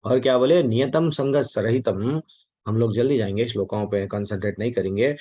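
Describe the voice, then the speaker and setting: A man's voice: on the low side, quick pace, mellow. A man teaching a devotional class on the Gita in a chatty way, mixing in English words and acting out the voices he quotes. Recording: dull lo-fi recording.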